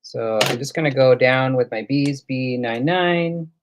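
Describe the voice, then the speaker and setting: Over a noisy background, a livestream host chats unhurriedly in a mid-range voice during a casual live coloring demo. He thinks aloud as he colors and reads out comments from viewers.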